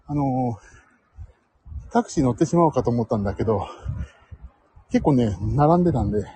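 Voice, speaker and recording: A man hosting a casual live stream on his phone as he walks home, talking quietly and a little out of breath. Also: mid-range voice, lively intonation, normal speed, slightly rough, no echo, rough recording. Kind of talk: casual live-stream chat while walking. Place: outdoors, walking home from the station. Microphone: phone mic.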